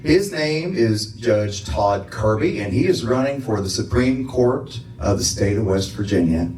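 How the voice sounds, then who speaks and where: Guy introducing speakers at a forum, lowish voice, plain, roomy and distant. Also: lively intonation, measured pace, darkish tone, soft background music. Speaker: event host. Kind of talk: event introductions. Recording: echoey room, far from the mic.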